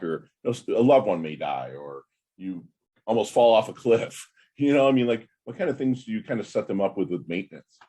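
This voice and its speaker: A man in his fifties hosts a podcast interview, chatting with enthusiasm and rambling through plenty of fillers. His voice is low, dark, and husky, suited to the casual interview chat.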